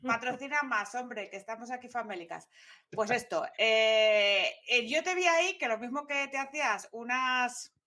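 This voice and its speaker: A woman's voice: a little high, moderate pace, sharp tone. A woman hosting a podcast, joking and teasing her guest in casual chat. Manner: joking, teasing, laughs often. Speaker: podcast host.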